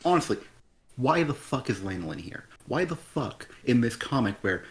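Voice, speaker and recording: A man's voice: mid-range voice, very animated, moderate pace. A man co-hosting a casual comic review chat, blunt and exasperated, swearing often. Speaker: podcast co-host.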